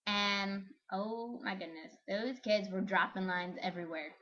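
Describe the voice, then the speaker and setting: A young woman talks casually in a home vlog, her voice bright and a little sharp. She giggles often and fills her sentences with "um" and "like." The sound is dull and lo-fi. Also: medium pitch, a little slow. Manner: giggly, chatty, lots of fillers. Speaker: vlogger. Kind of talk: casual chat.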